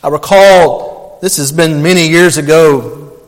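A man's voice: a little high, slow. Earnest preaching man in a reverberant hall. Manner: earnest storytelling, addresses listeners as beloved. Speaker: pastor. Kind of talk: sermon.

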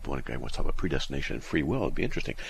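A man's voice: very deep voice, very animated, racing, vocal fry, background noise. A man hosting a radio call-in show, reading listener mail aloud and answering it with sarcastic, exasperated commentary.

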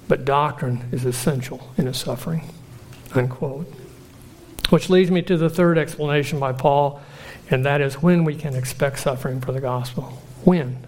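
A man preaching a sermon in an earnest, measured way, slowing down for emphatic lists. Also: medium pitch, darkish tone, slight background noise.

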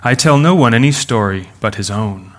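A man reading aloud as a majestic male lion, speaking deep, low and slow. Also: expressive, natural voice. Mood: solemn.

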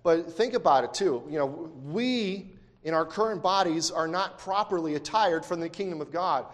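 A man's voice: fairly high pitch, normal speed, in a large hall. A man teaching a Bible lesson, reading verses aloud and explaining them with emphatic repetition and frequent self-corrections. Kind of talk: scripture lesson.

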